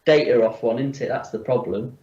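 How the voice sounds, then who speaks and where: On a video call through a computer mic, a congested man chats casually and opinionatedly, sprinkling in lots of fillers. His medium-pitched, mellow voice moves a little fast and sounds echoey, distant and dull, with slight background noise.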